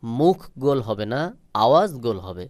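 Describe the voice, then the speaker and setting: A man's voice: mid-range voice, big pitch swings, moderate pace, darkish tone, no room sound, clean studio sound. A man teaching Quran letter pronunciation, patiently repeating and stretching out each sound. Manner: patient, instructive. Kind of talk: slow step-by-step pronunciation lesson.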